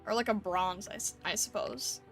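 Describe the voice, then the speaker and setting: A woman's voice: mid-range voice, fairly even intonation, normal speed, fairly bright tone. A woman livestreamer talking casually and conversationally with her viewers, often seeking agreement with tag questions. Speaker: streamer hosting an art livestream. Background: background music.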